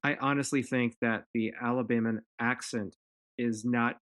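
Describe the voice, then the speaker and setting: Relaxed man musing on a podcast. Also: mid-range voice, normal speed. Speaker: podcast co-host. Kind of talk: casual chat.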